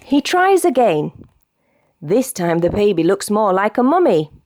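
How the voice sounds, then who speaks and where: A young British woman reading a children's bedtime story aloud in an expressive, animated way. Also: mid-range voice, a little slow. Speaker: storybook reader.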